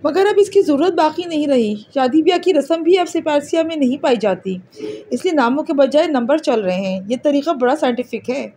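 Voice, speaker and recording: Audiobook: high-voiced, calm, superior alien girl, patient and matter-of-fact, read by a woman. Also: a little hiss or hum. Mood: lecturing. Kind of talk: audiobook character reading.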